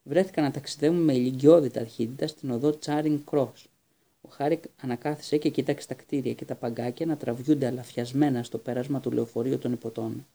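Male audiobook narrator, very dark and husky tone, even reading pace. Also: medium pitch. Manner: steady reading with occasional restarts. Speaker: audiobook reader.

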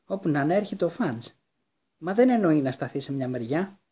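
A man reading aloud voices a frightened, quick-witted teenage schoolgirl who pleads and scolds in an urgent hush. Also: on the high side, expressive, breathy edge. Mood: hushed scolding.

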